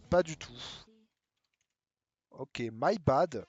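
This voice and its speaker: A French man chats loosely through a live game stream at an ordinary middle pitch, joking with viewers as he plays. When he switches to English it comes out halting and thick with a French accent. Faint music runs quietly under his voice. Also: lively intonation, slightly rough, lo-fi sound. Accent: heavy French accent when speaking English. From France. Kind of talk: casual live-stream chat while playing a mobile game.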